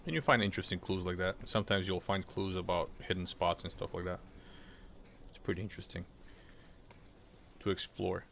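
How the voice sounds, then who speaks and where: A man's voice: low-pitched, steady tone, fairly quick, vocal fry, long pauses, a bit bright, slight background noise. A man who is getting over a cold, chatting casually as he explains a strategy game while he plays it on a stream. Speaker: gaming streamer. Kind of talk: casual gameplay commentary.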